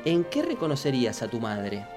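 A man doing a gentle mother bear. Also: mid-range voice, wildly swooping pitch, moderate pace, over music, pitched below the performer's own voice. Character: kind motherly female bear.

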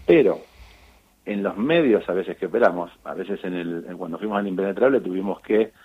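A middle-aged Argentine man, an eye surgeon, telling stories in a relaxed interview, with lots of fillers and restarts. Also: deep voice, a little fast, breathy edge. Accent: Argentine Spanish. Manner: animated storytelling with frequent fillers and restarts. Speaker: eye surgeon on charity missions. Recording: tinny phone-line sound.

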